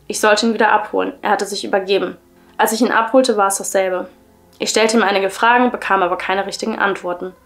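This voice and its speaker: A woman YouTuber narrating a creepy story with steady reading, then chatting casually with viewers. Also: mid-range voice, creaky. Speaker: YouTuber reading horror stories.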